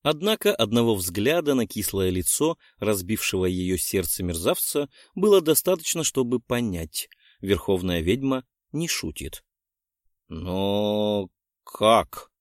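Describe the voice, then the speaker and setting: A man narrating a fantasy audiobook in an expressive way. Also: lowish voice, moderate pace, dry recording, clean studio sound. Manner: expressive, animated.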